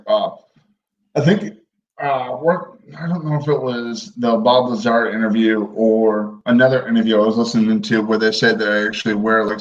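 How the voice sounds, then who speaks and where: A man's voice: fairly low pitch, fairly bright tone. Forty-year-old man, muffled call audio. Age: 40s. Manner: laid-back, swears and laughs freely. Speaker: podcast co-host. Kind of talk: casual chat on a video call. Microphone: video call.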